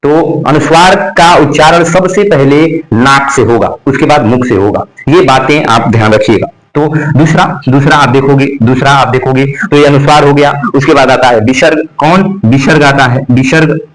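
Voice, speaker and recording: In this low-quality recording, a man with a mid-range voice speaks at a moderate pace while teaching a Hindi grammar lesson in class. He repeats terms, poses questions and answers them himself, and drills pronunciation.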